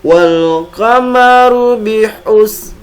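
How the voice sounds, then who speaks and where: A male Quran teacher with an Indonesian accent demonstrates melodic recitation, over-enunciating each drawn-out syllable. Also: high voice. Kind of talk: instructional lesson with slow melodic Arabic recitation examples.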